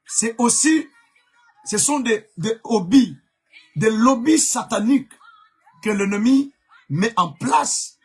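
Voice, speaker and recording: A man's voice: extremely high pitch, animated, takes it slowly, pauses often, a little mellow, slightly rough, faint music behind. A man from Congo preaching a live-streamed sermon as an evangelist, emphatic, repeating key words, with many fillers.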